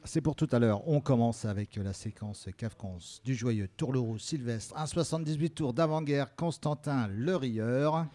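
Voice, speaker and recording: A man's voice: medium pitch, normal speed, few pauses, mellow. A man hosting a radio show, introducing records in a jokey, rambling way with fillers. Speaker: radio host. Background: music.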